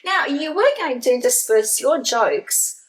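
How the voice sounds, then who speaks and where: A woman's voice: sits high, expressive, unhurried, rough recording. A woman in her fifties hosting a family travel vlog, chatting casually and laughing easily. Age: 50s. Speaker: vlog host. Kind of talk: casual chat.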